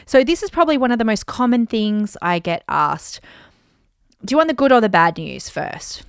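A woman coaching listeners on business and money in a chatty, animated way, full of fillers and asides. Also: a little high, normal speed, gravelly, clean tone, no echo, studio quality. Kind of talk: casual advice talk.

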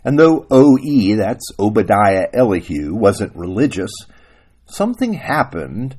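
A male preacher retelling a story in a sermon, slow and deliberate. His low, husky voice swings widely in pitch and drops to hushed asides. The telling is dramatic and unhurried. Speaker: pastor.

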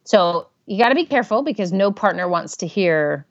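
A woman's voice: medium pitch, animated, fairly quick, no room sound, dull audio. A woman therapist, a guest on a podcast, talking casually and animatedly, acting out inner voices in little quotes. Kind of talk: casual interview talk.

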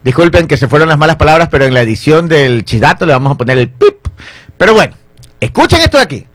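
A man hosting a casual gossip segment, animated and often mimicking what people say. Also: on the high side, quick pace. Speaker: host. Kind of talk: casual gossip and news chat.

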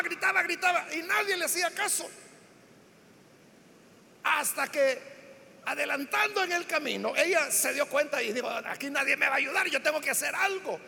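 High-pitched preacher man, emphatic, echoing hall. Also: vocal fry, a little hiss or hum. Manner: emphatic, rising into shouts on key words; builds lists with repeated phrases. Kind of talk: sermon. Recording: long hall reverb.

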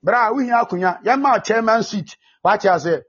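A man preaching a fervent sermon, often shouting and mixing English with Twi. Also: sits high, animated, normal speed, slightly rough. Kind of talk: sermon with prayer. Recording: dull lo-fi recording with faint music.

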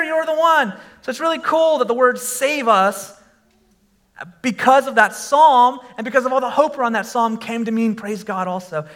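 A pastor with a very high voice preaches to his congregation in a conversational style full of fillers. When he exclaims, he breaks into animated shouts.

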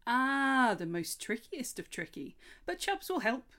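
A tiny, gleeful fawn creature from a storybook, chirping eagerly in a high, bouncy voice, as a woman reads him out. He sounds cheerful and keen to help. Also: very animated, a little slow, pushed and bright, full character voice. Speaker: story reader. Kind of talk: storybook reading with character voices.

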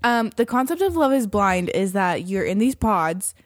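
A woman's voice: medium pitch, very animated, normal speed, no echo, clean studio sound. A woman co-hosting a casual chat, telling things informally with plenty of "like" and "literally". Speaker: podcast co-host.

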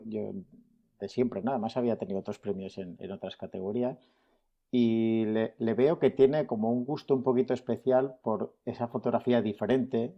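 A man's voice: on the low side, muffled recording. A man being interviewed as a nature photographer, talking in a chatty, good-humoured way. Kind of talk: casual interview.

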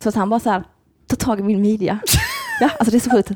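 A woman's voice: medium pitch, steady tone, mellow. A woman in casual conversation, animatedly telling a story and laughing often. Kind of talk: casual chat.

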